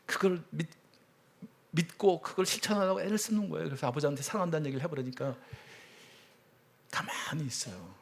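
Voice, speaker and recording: A middle-aged man preaching a sermon as a church elder, telling stories with sudden swings between loud cries and hushed words. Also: fairly high pitch. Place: church sanctuary.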